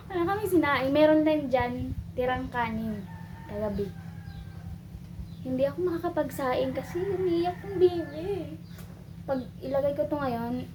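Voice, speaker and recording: A young woman vlogging about her day at home as a mom, chatting to viewers and cooing to her child in sing-song baby talk. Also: high voice. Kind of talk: casual home vlog. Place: indoors at home. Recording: noisy home recording.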